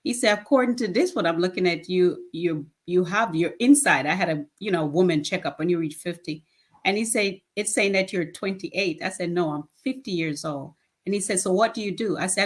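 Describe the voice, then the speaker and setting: A woman's voice: lowish voice, a little fast, husky. A woman in her fifties, a nonprofit founder, answering interview questions in an earnest, plain-spoken way and laughing easily. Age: 50s.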